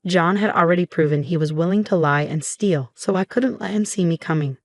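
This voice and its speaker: A woman reading a first-person story as scripted narration, in a steady, measured way. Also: on the low side, dry recording, studio quality, soft background music.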